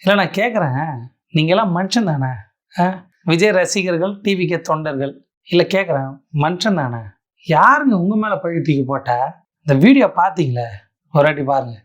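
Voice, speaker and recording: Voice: medium pitch, lively intonation, normal speed, pauses often, dull audio. A satirical commentator, giving mocking reaction commentary in a sarcastic, theatrical way.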